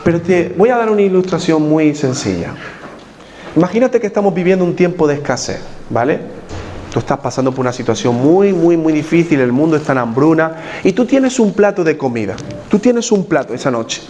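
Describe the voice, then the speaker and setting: High-voiced Spanish pastor preaching. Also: male voice, expressive, brisk, a little mellow, slight background noise. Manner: questions the congregation directly, repeats key points. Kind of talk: sermon. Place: church.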